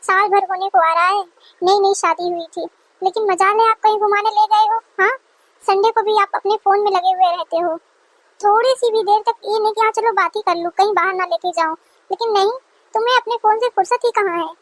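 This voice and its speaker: A woman's voice: very high voice, fairly even intonation, brisk, no room sound. A woman voicing an aggrieved young newlywed wife who argues indignantly with her in-laws, in a dry close recording. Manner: indignant, complaining.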